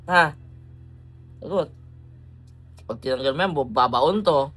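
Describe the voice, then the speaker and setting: A man's voice: mid-range voice, brisk, a bit bright, soft background music. Man barking demands as a folk healer. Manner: repeats demands, barks short commands. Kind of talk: forceful interrogation during a healing.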